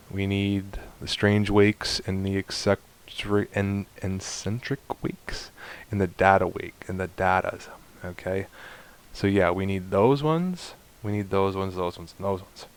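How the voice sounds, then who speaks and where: A man narrating a space game walkthrough, explaining steps to viewers in a chatty, instructive way and getting excited at times. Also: fairly low pitch, clean tone. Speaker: gaming YouTuber. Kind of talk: let's play walkthrough commentary.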